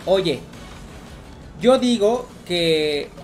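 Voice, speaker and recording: A woman's voice: on the low side, animated, extremely slow, darkish tone, faint music behind. A woman with a Mexican accent giving casual, profane commentary while playing a video game, repeating herself as she rants. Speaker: gaming streamer.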